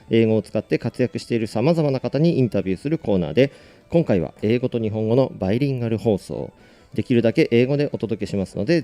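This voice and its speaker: A man hosting a radio interview, speaking briskly and answering the guest with short acknowledgments. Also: lowish voice, warm tone, dry recording. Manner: brisk, frequent short backchannels. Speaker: radio host.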